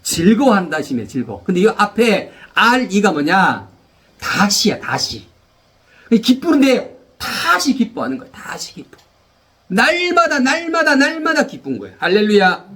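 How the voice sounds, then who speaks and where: A man preaching a sermon as pastor, animated, repeating phrases and leading the congregation in call-and-response. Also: high voice, normal speed.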